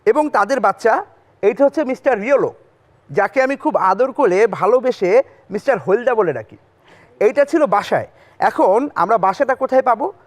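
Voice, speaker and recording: A man's voice: high voice, animated, normal speed. A man hosting a children's magic show, telling stories and prompting the kids with short questions. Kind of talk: interactive children's stage patter with storytelling. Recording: music playing behind the voice.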